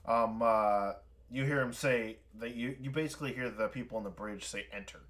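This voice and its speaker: A man's voice: mid-range voice, moderate pace, a bit bright. A man running a tabletop game as game master, narrating scenes with lots of fillers and restarts. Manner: rambling, filler-heavy narration. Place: home, streaming.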